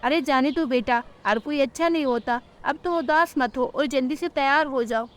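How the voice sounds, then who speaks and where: A poor, gentle mother bird from a cartoon story, voiced by a woman. Her high voice is soothing and motherly. She speaks patiently to her child. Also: normal speed, close to an everyday voice. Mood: tender.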